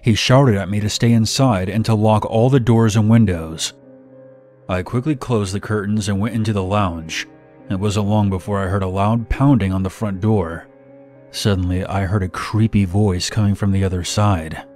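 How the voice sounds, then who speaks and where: A man narrating a horror story in steady first person, scripted. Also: fairly low pitch, moderate pace. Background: faint music.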